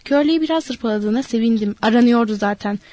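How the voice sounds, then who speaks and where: A woman's voice: a little high, brisk, mellow, no room sound, lightly acted. A woman voicing a scornful young ranch wife who talks down to the men with cold threats. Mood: menacing.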